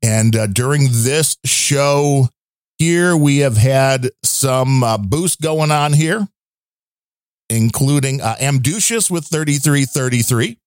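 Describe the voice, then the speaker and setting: A man's voice: medium pitch, expressive, takes it slowly, no echo. A chatty man with a mid-range voice, co-hosting a podcast and reading donor thanks. He rambles with wry asides, and his voice sounds dry and close. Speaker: podcast co-host.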